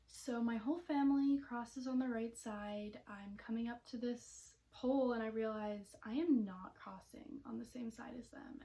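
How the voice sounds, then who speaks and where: A woman's voice: fairly high pitch, mellow. A young woman telling a story in a casual vlog, chatty and rambling with lots of fillers. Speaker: vlogger.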